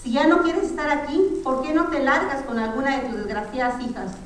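A woman's voice: high voice, moderate pace. A woman doing an angry, insulting grown son. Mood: angry, scolding. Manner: shouting insults and complaints. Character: angry young adult son, harsh and resentful. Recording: echoey room, far from the mic, faint noise.

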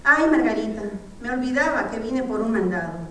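A woman plays a poor, frightened older mother, pleading, imploring and sighing "ay" in a sorrowful mood. Her high-sitting, fairly everyday voice moves at a moderate pace, recorded far from the mic in an echoey room with slight background noise.

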